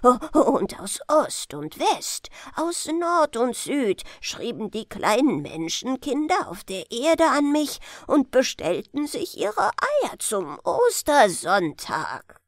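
A woman voicing a grumpy old grandfather hare who scolds loudly in a bedtime storybook. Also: high-pitched, very animated, slow pace, no room sound, clean studio sound, full character voice. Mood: amused. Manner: stern, loud scolding grumble.

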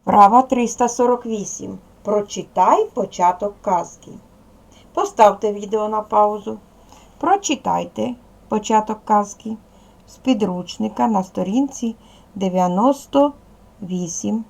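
A woman's voice: medium pitch, measured pace, a little mellow. A middle-aged woman teacher giving a recorded video lesson to young children, patiently explaining each task. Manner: patient, clear instructions to children. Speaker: primary school teacher.

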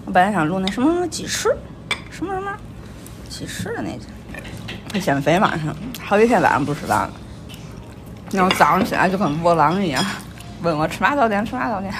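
A woman food vlogger with a Tianjin accent talks casually as she eats. Her pitch moves about in a lively way. She is recorded in a noisy small restaurant with clatter around her. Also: a little fast, long pauses. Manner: chatty, commenting on each bite. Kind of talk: casual chat over a meal. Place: small busy restaurant, indoors.

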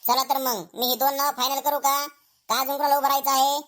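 Woman playing a tired grumbly schoolteacher guy, lower voice than the kids. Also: brisk. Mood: weary. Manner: tired, grumbling, pleading for calm. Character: weary male schoolteacher running a class vote.

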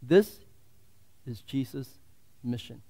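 A man preaching a sermon as a pastor in a church, swinging from loud, fervent declarations to hushed, quiet asides. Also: medium pitch, expressive, slow pace.

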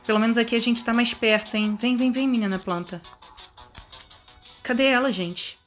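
A Brazilian woman with a fairly high voice plays through a game. She reacts with dramatic exclamations and keeps talking to her viewers. Faint game music sits low behind her. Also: fairly even intonation, normal speed. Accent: Brazilian Portuguese. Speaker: gaming video creator. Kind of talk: let's-play game commentary.

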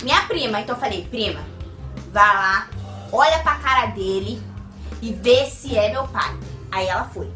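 Bright-voiced young woman telling a comic story. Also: a little high, normal speed. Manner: animated, dramatic, swings into put-on voices and sung bits. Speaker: vlogger. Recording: echoey room with faint music.

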